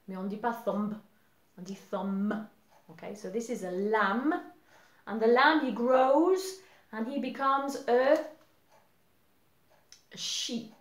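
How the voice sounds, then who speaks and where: A woman whose first language is English, teaching English to children in a patient, drawn-out voice. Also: mid-range voice. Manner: slow, patient, drawn-out teaching voice switching between French and English. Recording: echoey room.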